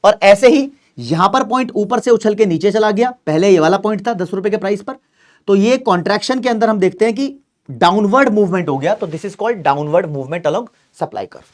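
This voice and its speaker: A man's voice: high-pitched, normal speed. Male teacher, online revision lecture, explains step by step, repeats key terms, keeps checking in with students. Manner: explains step by step, checks in often with "right?" and "dekho ji". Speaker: commerce teacher.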